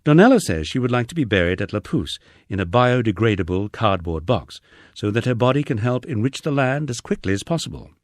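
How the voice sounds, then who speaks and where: A middle-aged Englishman with a lowish voice narrates a first-person memoir from a script. The recording is clean studio sound with no room tone.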